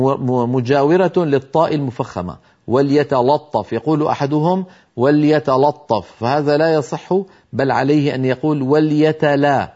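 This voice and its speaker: A man teaching Quran recitation in a televised lesson, explaining carefully and slowly demonstrating how words are pronounced. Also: mid-range voice, darkish tone, highs cut off.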